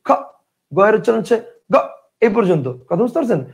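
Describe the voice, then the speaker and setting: A man's voice: sits high, lively intonation, quick pace, vocal fry, husky, lo-fi sound. A man teaching an online grammar class, who repeats his questions and keeps asking whether the students understand. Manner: reads out viewer comments and replies.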